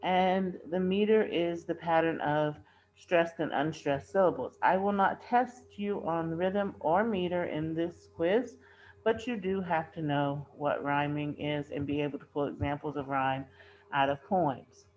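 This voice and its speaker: A woman's voice: low voice, unhurried, a little mellow, dull audio. A woman teacher giving a recorded workbook lesson to students, patiently repeating and rephrasing key terms, and reading a poem aloud with stress on the line endings.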